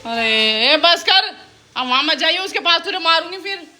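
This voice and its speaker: A woman's voice: very high voice, lively intonation, normal speed, bright, forceful tone. A young woman, a mother, chatting casually in a home vlog and scolding her children now and then. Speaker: vlogger and mother. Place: home kitchen and rooms.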